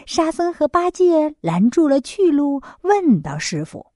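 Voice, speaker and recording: Lively woman telling a children's story. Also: high voice, unhurried, no echo, clean studio sound. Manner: friendly sisterly narration.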